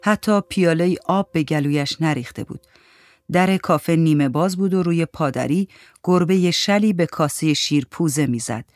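A woman narrating a literary short story in a steady, measured reading voice. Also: deep voice, no echo, clean studio sound.

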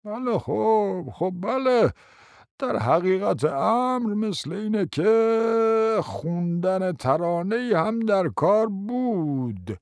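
A high, creaky, doddering old prince. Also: male voice, lively intonation, darkish tone, dry recording, studio quality. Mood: confused. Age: older. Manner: stammering, repeats "yes, well" fillers. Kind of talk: radio play acting.

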